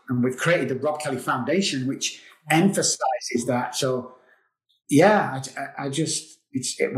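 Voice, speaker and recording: A middle-aged man, a podcast guest, telling a story in an excitable way, swearing casually. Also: medium pitch. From England. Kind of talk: animated storytelling. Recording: roomy echo.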